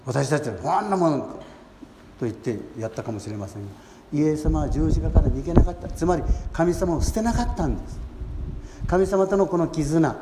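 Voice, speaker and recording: Earnest priest in an echoey church. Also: male voice, mid-range voice, a little hiss or hum. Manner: gentle, earnest preaching with long pauses. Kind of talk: sermon at Mass. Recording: echoey church hall with faint ambience.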